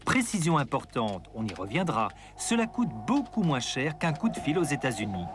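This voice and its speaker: A man reading scripted documentary narration in a measured, explanatory way. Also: medium pitch, huge pitch swings, heavy background noise. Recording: voice-over with music bed.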